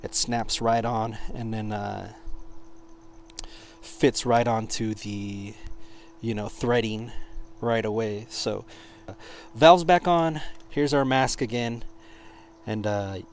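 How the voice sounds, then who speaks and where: Casual, halting man over noisy background. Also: on the low side, fairly even intonation. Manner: halting, informal, searching for words. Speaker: product reviewer. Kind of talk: casual hands-on product demonstration.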